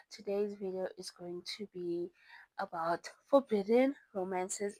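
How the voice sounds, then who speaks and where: In a rough recording with no room sound, a young woman speaks in a mid-range voice. She hosts a casual book review vlog in English, which isn't her first language, and chats her way through her picks with rambling, self-corrections, and giggly laughs.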